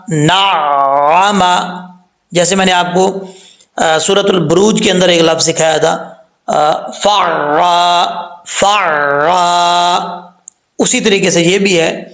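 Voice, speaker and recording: A man's voice: high-pitched, fairly bright tone, echoey room, rough recording. A man with a Pakistani Urdu accent teaching Quran pronunciation step by step, patiently drawing out each letter sound and repeating it. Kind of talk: spoken tajweed lesson with drawn-out letter recitation.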